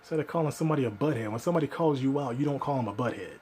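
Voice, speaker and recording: A man's voice: mid-range voice, expressive, racing, a little mellow, a little hiss or hum. A man giving ranting reaction commentary, scolding and exasperated.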